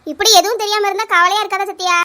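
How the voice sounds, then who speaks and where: A woman's voice: extremely high pitch, steady tone, pushed and bright. A woman voicing a strict, scolding mother in a cartoon, speaking with a Kanyakumari Tamil accent. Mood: worried. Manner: scolding, rapid. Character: scolding village mother Chinnaponnu, anxious and strict. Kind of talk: cartoon voice acting.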